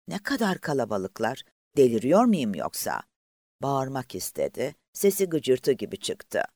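A man narrating a novel aloud in a measured, expressive storytelling manner. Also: mid-range voice, no echo, studio quality. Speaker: audiobook narrator. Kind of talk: scripted narration.

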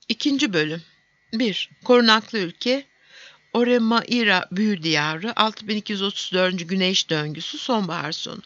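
A woman narrating a fantasy audiobook in a steady storytelling manner. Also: medium pitch, dry recording, highs cut off.

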